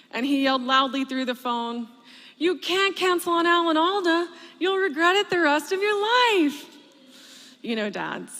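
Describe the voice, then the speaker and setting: Bright-voiced woman giving a graduation speech. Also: on the high side. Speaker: commencement speaker. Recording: long hall reverb.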